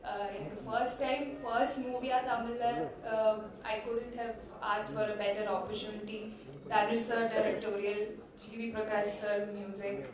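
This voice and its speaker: A woman giving a thank-you speech on stage at a film launch, switching between Tamil and English, pausing often with fillers. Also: mid-range voice, flat delivery. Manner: unhurried, with many pauses and fillers. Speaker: actress speaking at a film launch. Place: large event hall. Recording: echoey hall from far off with crowd.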